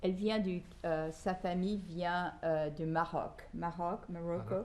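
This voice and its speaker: A woman's voice: lowish voice, measured pace. Chatty older Belgian woman. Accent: Belgian French. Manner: chatty storyteller, animated, with frequent restarts. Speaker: guest. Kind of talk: casual conversational interview.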